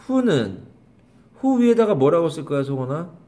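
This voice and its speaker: A man's voice: a little high, big pitch swings, a little slow, dark tone. A man teaching an English grammar lesson to a class, calling on students by name, repeating questions and scolding them. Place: small classroom.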